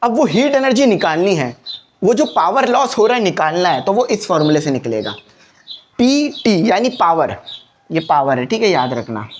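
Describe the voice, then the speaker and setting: Man, physics teacher, exam-prep lecture, animated sing-song delivery, repeats key points. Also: sits high, moderate pace, slight background noise. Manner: explains step by step, repeats key points, asks quiz questions.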